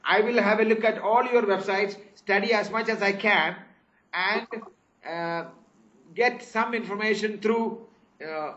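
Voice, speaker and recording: Older man, high and bright. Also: measured pace, a little hiss or hum. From Kerala, India. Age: 70s. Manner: formal, hesitant with restarts. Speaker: tourism and teacher-training organizer. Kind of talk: video call discussion. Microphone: video call. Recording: muffled video call audio.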